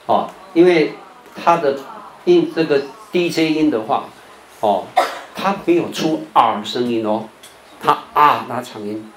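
An older man, a Buddhist monk, giving a televised lecture on English pronunciation. He explains patiently, ends many phrases with a drawn-out "哦" and stretches out the sounds he demonstrates. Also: medium pitch, lively intonation. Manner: patient explaining, sentence-final "哦" particles, drawn-out demo sounds. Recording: roomy echo, faint background noise.

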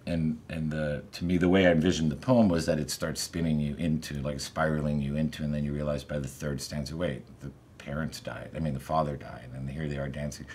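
This is a man in his forties with an extremely deep voice. He reads his own poem in a measured, deliberate way and discusses it with pauses and restarts. A faint ambient noise sits under his voice in a studio. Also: steady tone, a little mellow. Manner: measured, deliberate reading; halting, reflective talk. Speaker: poet reading and discussing his own work. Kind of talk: poetry reading and studio discussion. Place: studio set, indoors.

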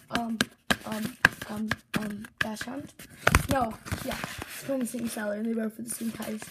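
A young woman with a high voice chats casually as she unboxes toys for her channel. She is excitable and gushing, circling back to the same phrases, on a noisy home recording with clear background hiss and clicks. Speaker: host of a toy unboxing channel. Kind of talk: casual toy unboxing chat. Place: indoors, close over a tabletop toy set.

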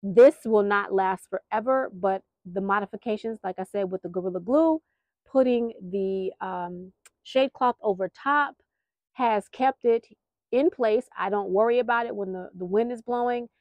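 Walking her backyard garden with the camera, an American woman gives a casual, rambling vlog update as its host, chatty, folksy and a touch apologetic. Her medium-pitched voice has a darkish tone and a moderate pace, with no room sound.

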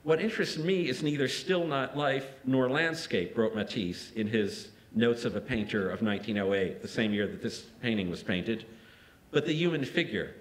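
A man giving a prepared art-history lecture in a museum, measured, with small restarts and asides. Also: medium pitch, low-quality recording. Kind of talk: reading a prepared lecture aloud.

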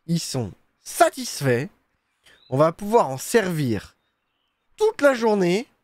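A young gaming streamer gives casual, joking let's-play commentary, sarcastic and swearing freely while humming little sound effects. His voice is high and darkish in tone, with big pitch swings and a slow pace, and there is no room sound.

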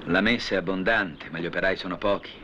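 An actor playing a serene male teacher who preaches to his followers in a solemn, measured way, in a 1970s film drama. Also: low-pitched, lightly acted. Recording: dull old film soundtrack with clear hiss.

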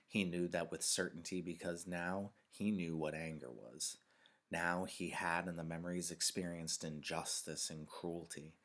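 Man, teacher, read-aloud narration, very deep voice, measured and expressive. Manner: measured, expressive storytelling with dramatic pauses. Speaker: teacher reading a novel aloud.

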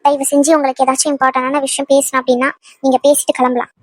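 A woman's voice: high-pitched, flat delivery, rapid-fire, no echo, close to an everyday voice. A woman voicing a young woman who firmly tells a pushy ex-lover to back off, in a cartoon dub. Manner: firm, scolding. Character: young woman turning away her pushy ex.

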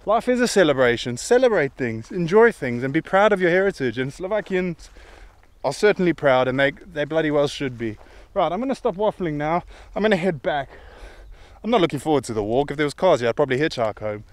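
Filming himself on a handheld phone as he walks a hillside, a middle-aged vlogger chats enthusiastically and rambles. His voice is on the high side, expressive and brisk, with no echo.

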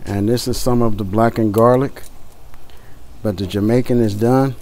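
A man chatting casually to viewers as he grills, folksy and unhurried, often repeating his phrases. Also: on the low side, fairly even intonation, a little mellow. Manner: folksy, addresses viewers as y'all and guys. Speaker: barbecue vlogger. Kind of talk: casual chat while grilling. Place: outdoors beside a backyard grill. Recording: outdoor noise with faint sizzle.

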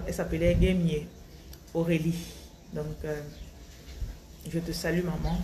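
Her voice lowish and dark, a Cameroonian spiritual coach in her thirties reflects slowly for her followers, restarting often, in a Cameroonian French accent. She records on a phone held close at arm's length inside a small tiled room, where a little hiss or hum can be heard.

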